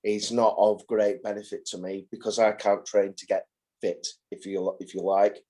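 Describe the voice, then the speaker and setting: A man in his forties with a somewhat low voice shares his experience in a support group over a video call. He talks hesitantly, restarting and repeating his words as he works out what to say. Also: level tone, normal speed, mellow. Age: 40s. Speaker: carer and group participant. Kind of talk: casual group chat.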